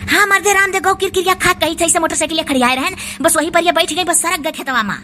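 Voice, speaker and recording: A woman doing a squeaky, fast bossy village man. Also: sharp tone, a little hiss or hum. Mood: urging. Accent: Awadhi. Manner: bossy, urging. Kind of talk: cartoon voice acting.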